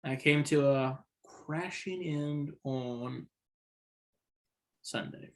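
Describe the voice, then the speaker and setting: Higher-voiced man rambling about basketball. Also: extremely slow. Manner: rambling, self-correcting, opinionated. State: has the hiccups. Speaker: podcast host. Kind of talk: casual sports chat.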